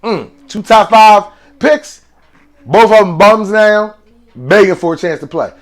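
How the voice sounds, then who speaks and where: A man hosting a casual sports betting picks monologue, excitable and slangy, with sudden exclamations. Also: high-pitched, a little slow.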